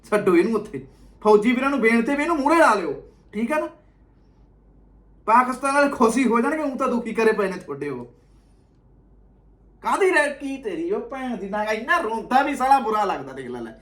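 A man's voice: very high-pitched, very animated, fairly quick, long pauses, a bit bright. A man with a Punjabi accent giving mocking, abusive reaction commentary on video clips, often laughing. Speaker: comedy reaction creator.

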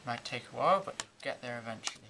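A young man in his teens giving an informal, halting step-by-step card trick tutorial in amateur magician patter. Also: medium pitch, lively intonation, vocal fry, background noise. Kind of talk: informal step-by-step demonstration and explanation. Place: indoors at a table and whiteboard.

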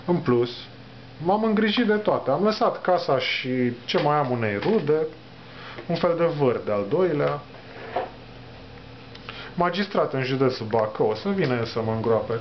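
A man's voice: a little high, lively intonation, long pauses, slight background noise, close to an everyday voice. A male reader voicing a sad, weeping old neighbor who carries a gun, in a plain read-aloud way, on a dull lo-fi recording. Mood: mournful.

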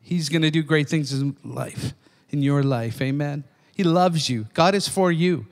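A man's voice: fairly high pitch, a little slow. An older man preaching a sermon in a church, fervent and calling out "amen?" to his listeners. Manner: fervent, repeats "amen?" to the congregation. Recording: long reverb of a church hall.

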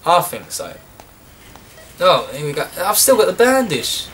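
A man's voice: a little high, huge pitch swings, unhurried, distant mic, a little hiss or hum. A sniffly British man casually commenting on a game he is playing, chatty and joking, talking back at the screen. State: a bit sniffly. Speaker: gameplay commentator. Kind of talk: casual let's-play commentary. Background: loud game music.

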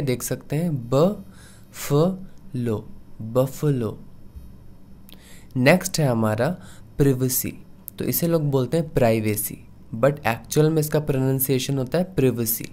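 A man teaching English pronunciation in a tutorial, sounding out each word slowly syllable by syllable. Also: medium pitch, a little mellow. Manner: slow syllable-by-syllable drilling of words. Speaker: language teacher. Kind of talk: pronunciation lesson.

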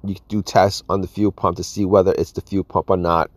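A man's voice: low-pitched, little pitch movement, a little fast, no room sound. A man casually explaining a car repair, rambling and often saying "all right" and "you guys". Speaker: car repair video host. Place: outdoors at an open car engine bay.

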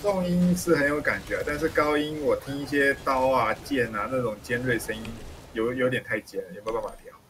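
Man on voice chat, offhand and chatty, clear hiss on the line. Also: mid-range voice, brisk, few pauses, a bit bright, low-quality recording. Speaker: friend on voice chat. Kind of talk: casual chat over voice call.

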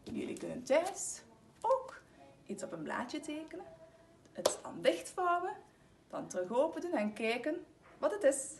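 A woman teacher reading a storybook to children, in a gentle, clear storytelling manner. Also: high-pitched, sing-song, unhurried, pauses often, slight background noise. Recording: echoey room, mic at a distance.

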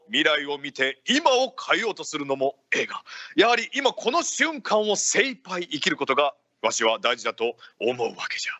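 A man's voice: on the high side, pushed and bright, heavily acted. A man playing a genial feudal Japanese ninja lord hosting live radio, speaking in archaic samurai-era phrasing. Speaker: radio show host.

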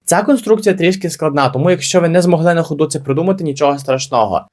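A man's voice: a little high, quick pace, darkish tone. A young man teaching English grammar in a video lesson, explaining patiently and repeating key points to reassure beginners.

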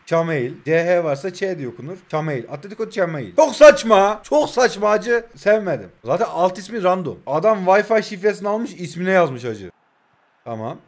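A man in his twenties from Turkey, commentating his own mobile football game with joking asides to viewers. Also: high voice. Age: 20s. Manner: joking, teasing, talks to himself and viewers. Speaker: gaming YouTuber. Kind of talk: live gameplay commentary.

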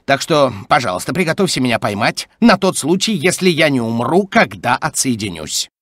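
A man voicing a chatty, nervous male robot sidekick in a dubbed video game, talking in an excitable rambling way. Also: medium pitch, normal speed, dry recording, clean studio sound.

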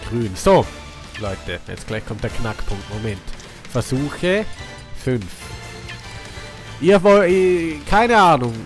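With a cold clogging his voice, a young Austrian gaming host commentates a let's play in a relaxed manner, going slowly and leaving long pauses. He flips between hyped yelling and soft mumbling while game music runs in the background.

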